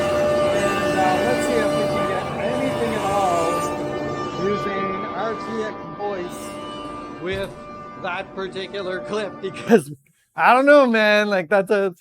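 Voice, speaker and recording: Walking around a makerspace's woodworking and tool shop, a man with a high voice presents a loose, halting tech demonstration, reasoning out loud along the way. Audio comes mostly from a wireless lav amid workshop noise, with occasional use of a computer's built-in mic.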